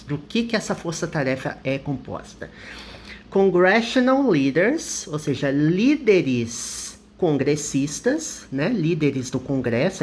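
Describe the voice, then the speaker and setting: Brazilian woman, English teacher, low voice, lively intonation, slow example sentences. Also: slight background noise. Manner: reads example sentences slowly and carefully. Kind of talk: explaining English vocabulary.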